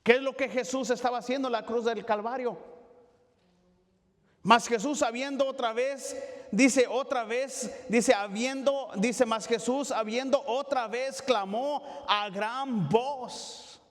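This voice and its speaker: A man with a fairly high voice preaching a Bible study in a church, and his words ring out with a long echo. He talks in a halting way, restarts often, fills gaps, and keeps checking in with the congregation. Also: steady tone. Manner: halting, with frequent fillers and restarts, asking "¿verdad?". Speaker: pastor. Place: church sanctuary.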